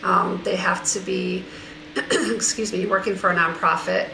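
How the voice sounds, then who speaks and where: A woman's voice: fairly low pitch, steady tone, a little slow, creaky, sharp tone, roomy sound, a little hiss or hum, low-quality recording. A woman on staff reporting to a board meeting, hesitant with frequent ums.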